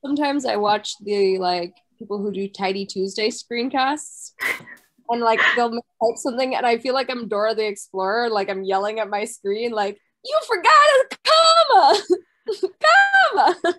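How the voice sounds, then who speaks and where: A woman's voice: medium pitch, poor audio. A woman in a book club on a video call who chats eagerly and jumps in to help spot coding mistakes. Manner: chatty, quick to help, animated. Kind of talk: casual chat on a video call.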